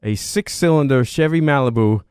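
Older guy, clean smooth voice, emphatic, dry studio sound. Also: mid-range voice, moderate pace, a little mellow, no echo. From Queens, New York. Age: 60s. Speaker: car show organizer and car collector guest. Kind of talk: casual radio interview.

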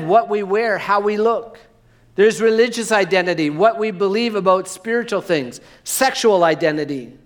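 A man preaching a sermon, measured and emphatic, slowing down on key words. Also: high-pitched, fairly bright tone. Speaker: pastor.

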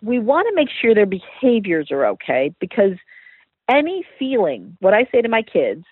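A woman's voice: medium pitch, wildly swooping pitch, normal speed, husky, dry recording. A woman who is a social worker, a guest in a conversational interview, talking candidly with self-deprecating examples. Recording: tinny phone-line sound.

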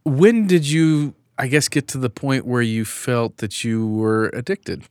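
A man hosting a podcast, reading a scripted introduction and then asking questions in an earnest, measured way with small restarts. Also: mid-range voice, darkish tone, no echo, clean studio sound. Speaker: podcast host.

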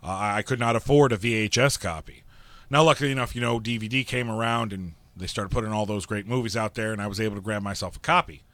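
A man's voice: lowish voice, fast, a bit bright, dry recording. A man hosting a podcast, talking casually and reflectively with some self-deprecating humor. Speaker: podcast host.

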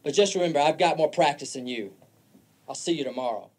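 A man's voice: on the high side, fast, darkish tone, close to an everyday voice. A man playing a stern middle-aged father who lectures his son in stiff, stilted lines from a film.

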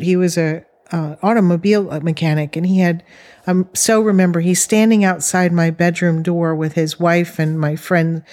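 Middle-aged woman, halting earnest storyteller. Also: fairly low pitch, darkish tone. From northern Arizona, USA. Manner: earnest, halting, with frequent restarts. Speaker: guest. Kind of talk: recounting a personal experience.

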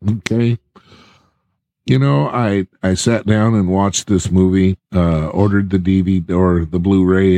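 A man co-hosts a podcast, telling his view in a relaxed, measured way. His voice is low, mellow and dark. The sound is dry and close. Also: no room sound. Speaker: podcast co-host. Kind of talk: casual podcast chat.

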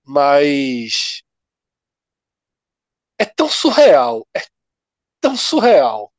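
Animated slangy man, dry sound. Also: on the high side, very slow, no echo. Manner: loose, slangy, animated talk. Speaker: co-host. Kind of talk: casual panel chat.

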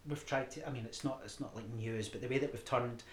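A man's voice: mid-range voice, fairly even intonation, quick pace, slight background noise. A man co-hosting a podcast, talking in loose, rambling, profane chat and often correcting himself. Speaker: podcast co-host. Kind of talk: casual chat. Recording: roomy echo.

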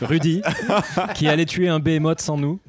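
Joking southern French podcast host. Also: male voice, fairly high pitch, little pitch movement, moderate pace, over a noisy crowd. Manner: joking, laughs often, many fillers. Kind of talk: casual podcast chat.

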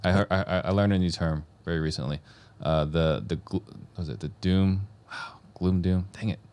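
A man's voice: deep voice, fairly even intonation, normal speed, a little mellow, smooth. A man hosting a podcast interview in an easygoing way, often stumbling over and repeating his words. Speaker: podcast host. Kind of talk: casual interview.

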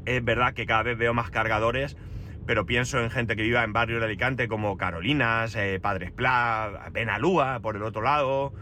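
A middle-aged man with an accent from Spain talks casually to his listeners in a wry, grumbling way. His voice is bright and forceful, mid-pitched, and carries a head cold. A faint vehicle-like noise sits behind him. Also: steady tone, normal speed. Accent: Spanish from Spain. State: has a head cold with runny nose. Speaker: podcast host. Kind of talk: casual personal monologue.

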